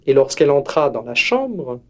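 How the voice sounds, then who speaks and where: A man reading a fairy tale aloud as narrator, slow and expressive. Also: medium pitch. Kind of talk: storybook reading.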